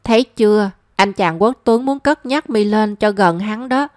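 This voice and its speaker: A woman's voice: mid-range voice, measured pace, darkish tone, no room sound, studio quality, lightly acted. A woman voicing a cheeky, brash young woman who teases her friend. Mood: teasing. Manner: teasing, brash.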